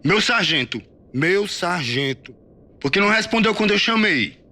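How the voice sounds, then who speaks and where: A man shouting as a brutal barking army sergeant. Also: high voice, animated, moderate pace, dry recording, pitched above the performer's own voice. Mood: shouting, mocking. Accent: Brazilian. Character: brutal mocking army sergeant, male, middle-aged.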